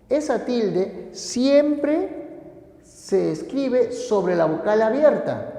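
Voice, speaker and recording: Male teacher, mellow, fairly high voice, long hall reverb. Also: gravelly. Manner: deliberate, explanatory, stressing each word. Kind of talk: grammar lesson. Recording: echoey room with long reverb.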